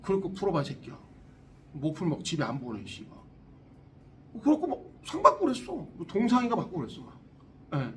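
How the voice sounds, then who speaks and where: Man, forties, science tutor, high voice, very lively pitch, blunt, swears a lot, classroom heard from a distance. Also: fast. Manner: blunt, swears often, animated and teasing. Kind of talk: classroom lecture to high school students. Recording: classroom recorded from a distance, faint room noise.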